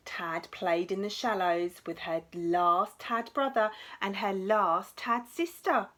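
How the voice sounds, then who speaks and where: A woman teacher reading a storybook aloud to young children in an expressive, dramatic way, with asides to the listeners. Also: medium pitch, slow.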